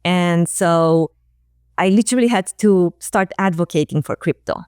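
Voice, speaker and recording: A woman, a guest talking casually and reflectively in an interview, often pausing on fillers and restarting phrases. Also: lowish voice, a little mellow, clean tone, dry recording, studio quality. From Romania. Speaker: guest, marketing executive.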